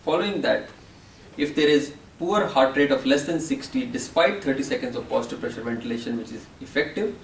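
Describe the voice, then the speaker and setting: A man acting as a medical educator, calmly summarizing newborn resuscitation steps one by one. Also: mid-range voice, fairly quick, reverberant, recorded from a distance, slight background noise, low-quality recording. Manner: calm, step-by-step explaining. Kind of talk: teaching summary.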